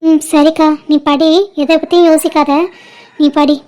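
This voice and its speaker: A high, level voice from a woman playing a loyal younger sister, earnest and pleading, with a blunt streak. She keeps her pitch flat and even in this home-made audio drama. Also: measured pace. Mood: soothing.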